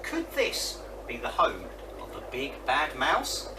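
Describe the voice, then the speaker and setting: Male children's story narrator, dramatic, unhurried delivery, noisy recording. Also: medium pitch, reverberant. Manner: dramatic, expressive. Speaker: story reader. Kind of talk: children's picture book narration. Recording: distant mic with clear noise.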